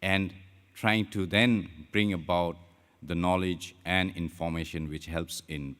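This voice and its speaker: A man giving a formal conference presentation in a measured way, recorded in a conference hall. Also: low voice, steady tone, fairly bright tone. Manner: measured, formal delivery with slips. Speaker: conference speaker. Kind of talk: plenary presentation. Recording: long hall reverb.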